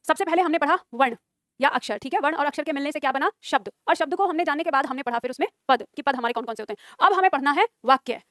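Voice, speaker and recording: A woman's voice: sits high, fairly bright tone, no echo, clean studio sound. A woman teaching a Hindi grammar exam-prep class, dictating notes, repeating lines and quizzing her students.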